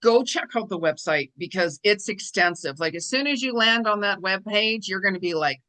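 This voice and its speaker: Bubbly woman interview host, bright, chatty, "like"-heavy delivery. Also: medium pitch, expressive, moderate pace. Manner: bubbly, laughs often, many "like"s. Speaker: show host. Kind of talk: casual interview.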